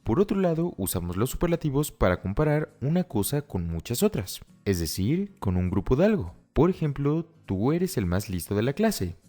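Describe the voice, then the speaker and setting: A man explaining grammar rules step by step as a teacher, reading example phrases slowly and carefully. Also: mid-range voice, big pitch swings. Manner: explains step by step, often repeating "si observaste bien" and "por lo tanto". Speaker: English teacher. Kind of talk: scripted Spanish-language grammar lesson. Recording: soft music underneath.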